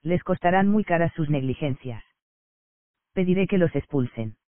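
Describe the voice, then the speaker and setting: Preso furioso que reclama a los guardias, lo lee un hombre, voz algo aguda, audio de telefono. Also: male voice, fairly high pitch, animated, moderate pace, dry recording, natural voice. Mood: indignant. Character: indignant male prisoner defying his guards. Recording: dry, tinny phone-like sound.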